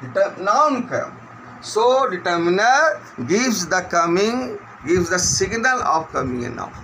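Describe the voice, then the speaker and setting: A man's voice: high voice, big pitch swings, sharp tone, slight background noise, rough recording. A man teaching an English grammar lesson, asking questions and answering them himself. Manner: slow, questioning, answers his own questions.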